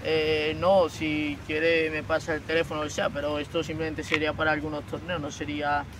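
A teenage boy plays a stiff, formal sports official on a prank call, stumbling over fillers. His fairly high voice sounds distant, caught by a far camera in a park. Clear outdoor noise runs underneath. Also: completely flat delivery, normal speed. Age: teens. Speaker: prank caller. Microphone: phone on speaker, far camera.

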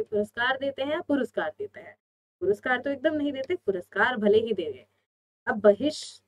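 A woman's voice: fairly high pitch, lo-fi sound. A woman teaching an online exam-prep Hindi lesson, explaining step by step and answering her own questions.

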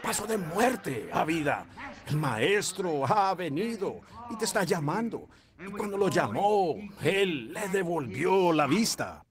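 A man delivering a sermon in a high, lifted voice, swinging from quick storytelling to slow, shouted emphasis. A congregation is clearly heard in the background. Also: very animated, a crowd in the background. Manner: fervent preaching, rising to shouts, drawn-out emphatic phrases. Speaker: preacher.

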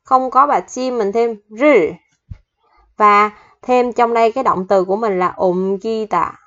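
A woman's voice: fairly high pitch, fairly bright tone. Patient teacher woman, muffled audio. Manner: patient, slows down to spell out rules. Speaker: Korean language teacher. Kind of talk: explaining vocabulary lesson.

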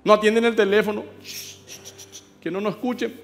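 A man with a Paraguayan Spanish accent, a pastor preaching a sermon with animated storytelling and acted-out voices. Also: high voice, moderate pace, long reverb tail.

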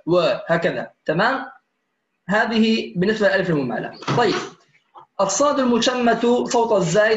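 A man teaching a Quran recitation class online, patiently calling his students dear ones and slowly modelling examples. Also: high voice, fairly bright tone, echoey room, lo-fi sound. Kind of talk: online tajweed lesson.

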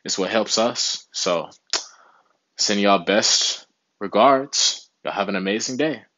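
Slowly and with a bright, forceful tone, a young man with a lowish voice talks to camera about staying healthy, keeping it laid-back and often saying "you know what I'm saying." The vlogger is in a small room with a window behind, and the sound is lo-fi.

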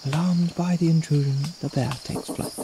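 A man narrating in the earnest, measured manner of a hushed nature documentary. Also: on the high side, steady tone, background noise.

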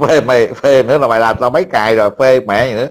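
A man's voice: medium pitch, fast. A man, talking casually to a friend as an online commentator, blunt, profane and mocking.

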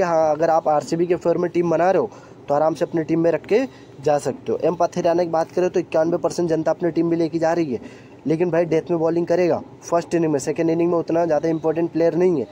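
Chatty guy doing voice-over on a screen recording, kinda high and mellow, light hiss behind. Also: little pitch movement, fast talker. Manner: chatty, repeats "theek hai", calls viewers "bhai". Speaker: fantasy cricket tipster. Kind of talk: casual screen-recorded tips.

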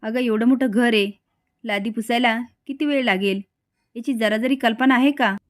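A woman's voice: a little high, normal speed, no echo, clean studio sound, close to an everyday voice. A woman voicing a fussy, condescending, scheming rich mother. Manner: condescending, fussing.

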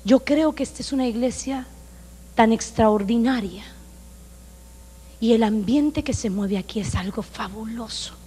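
A high-voiced Honduran woman pastor preaches with force, her lines rising and falling as she drives each point home. Her voice rings through the long reverb of a church hall. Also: unhurried, long pauses, husky. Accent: Honduran Spanish. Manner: emphatic, preaching loudly with acted-out quotes. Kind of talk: sermon. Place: church sanctuary.

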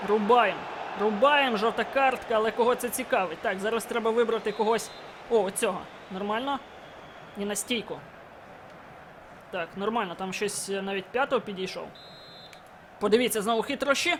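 A gaming YouTuber with a very high voice gives live commentary on his own football video game match, describing every pass at a moderate pace with long pauses. He's excitable and erupts into shouting whenever a goal or chance comes. A faint hiss sits under his voice.

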